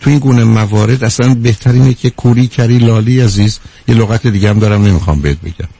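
A man's voice: lowish voice, gravelly, warm tone, slightly rough. A man hosting a call-in advice show, bluntly lecturing a caller with rhetorical questions and calling her dear. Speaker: radio advice host. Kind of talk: call-in counseling.

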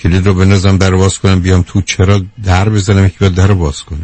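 A man hosting a call-in show, calmly reasoning with a caller and questioning her gently. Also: low-pitched. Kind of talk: call-in advice talk.

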